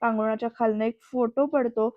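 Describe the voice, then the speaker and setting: A woman's voice: on the high side, fairly even intonation, fairly quick, no echo, narrow, tinny audio. A woman casually retelling a TV serial episode in a chatty way, often addressing the viewers.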